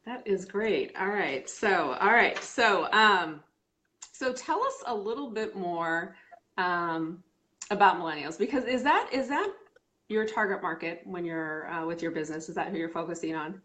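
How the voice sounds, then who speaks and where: A woman's voice: lowish voice, animated, moderate pace, sharp tone. Chatty middle-aged woman hosting a live stream. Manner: chatty, many fillers and restarts. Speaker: host. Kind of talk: casual live-stream chat.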